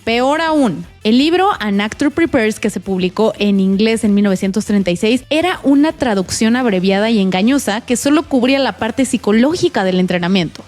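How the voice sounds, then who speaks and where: A woman's voice: a little high, animated, moderate pace, hardly any pauses, a little mellow, faint music behind. A young woman with a Mexican accent hosting a casual film commentary vlog, slangy and playful with jokey asides, recorded in a provisional home spot. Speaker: film vlogger and host.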